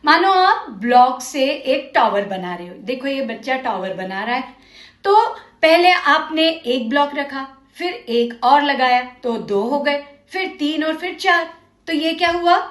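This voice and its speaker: A woman teacher with an Indian accent, leading a children's literacy lesson and slowly drilling words for learners to repeat. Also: high voice, lively intonation, a bit bright. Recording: echoey room.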